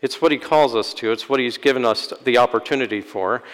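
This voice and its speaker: A priest delivering a sermon in a church, with wry, self-deprecating humor. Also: male voice, mid-range voice, a little fast. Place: church sanctuary. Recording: long church-hall reverb.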